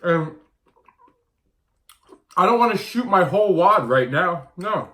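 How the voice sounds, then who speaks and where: A man in his thirties with a slightly high voice, talking casually and bluntly to his camera. He hammers his points home and often says them twice. The talk is loose and unscripted. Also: animated, takes it slowly, pushed and bright. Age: 30s. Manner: blunt, emphatic, repeats himself. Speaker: vlogger and diet coach.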